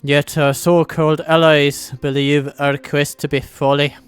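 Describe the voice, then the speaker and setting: A proud dwarf herald with a put-on Scottish brogue, voiced by a man, reads the quest in a grand, old-fashioned tone. His pitch sits somewhat high, and faint music plays underneath. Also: flat delivery, unhurried, clean tone, close to an everyday voice. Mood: solemn. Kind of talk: dramatic reading of game briefing text.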